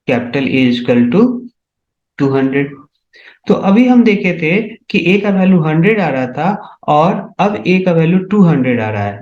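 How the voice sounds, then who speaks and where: A man with a fairly high, slightly mellow voice guides viewers through C programming one step at a time in a screen recording. He keeps asking whether students are following along, and the lo-fi room sound is dull and echoey.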